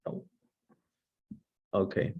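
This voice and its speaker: A man teaching English in a brisk, encouraging way, drilling grammar with his class in a comedic sketch. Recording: slightly muffled lo-fi recording.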